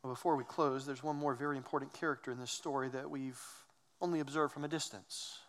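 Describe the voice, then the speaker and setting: Emphatic preacher in a reverberant hall. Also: male voice, medium pitch, fairly even intonation, fast talker, fairly bright tone. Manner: earnest, emphatic preaching with rhetorical questions. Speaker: pastor. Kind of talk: sermon.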